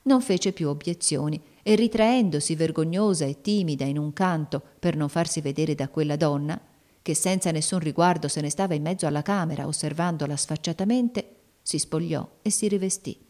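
A woman narrating a classic novel as an audiobook in a measured, steady manner. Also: sits low. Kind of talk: audiobook reading.

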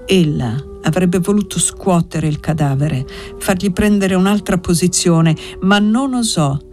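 Woman reading a novel aloud, lowish voice, slow and dramatic, soft music faint under it. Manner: measured, unhurried, dramatic reading. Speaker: narrator. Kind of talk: audiobook narration of a novel.

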